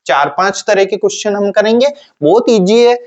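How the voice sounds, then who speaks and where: A man teaching a classroom lesson in a casual, repetitive way. He asks questions and then answers them himself in a lower voice. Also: expressive, normal speed, darkish tone, muffled recording. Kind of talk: classroom lecture.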